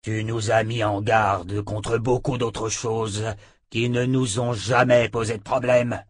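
A man's voice: on the low side, little pitch movement, slow, no echo. A man voicing a ruthless warlord emperor, curt and commanding, in a fantasy audiobook.

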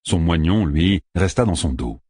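A man narrating a fantasy audiobook with expressive storytelling, often dropping low for suspense. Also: a little slow, slightly rough, no room sound, studio quality.

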